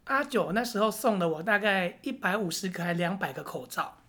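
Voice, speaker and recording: Fast-talking blunt Taiwanese woman. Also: medium pitch, animated, fairly bright tone. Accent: Taiwanese Mandarin. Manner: blunt, teasing, swears casually. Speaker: podcast co-host. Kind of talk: casual chat.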